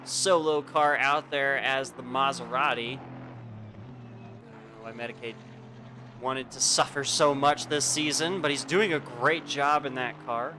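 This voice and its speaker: A man's voice: mid-range voice, fairly even intonation, unhurried, sharp tone. A man hosting a live sim racing stream, giving casual race commentary and chatting directly to his viewers. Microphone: home streaming mic. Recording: game car engine noise behind voice. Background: racing game engine and track sounds.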